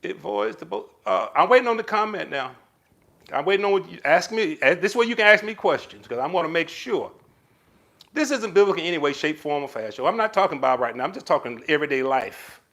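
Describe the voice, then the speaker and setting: A fast-talking man with a fairly high pitch hosts a casual live stream, answering viewer comments with relationship advice. He's animated and addresses viewers by pet names like "baby."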